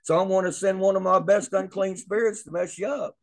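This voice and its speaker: A man's voice: high-pitched, fairly even intonation, brisk, pitched above the performer's own voice. A man voicing a scheming male demon spirit, lifting his voice into a raised, pressing tone as he retells a Bible story. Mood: taunting.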